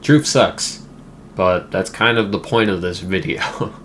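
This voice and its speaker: A man's voice: sits low, slow, a bit bright. Casual man reviewing a movie. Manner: conversational, emphatic, with side remarks. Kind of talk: casual video essay. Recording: faint background noise.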